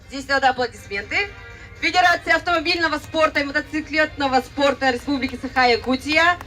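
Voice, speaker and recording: Female live prize announcer, booming and very high-pitched, heard from a distance over outdoor PA. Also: sharp tone. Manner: booming prize-announcer delivery, drawn-out exclamations. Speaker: event announcer and host. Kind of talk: live ceremony announcing to a crowd. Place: outdoor stage at a motorsport event. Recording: distant outdoor PA with music behind.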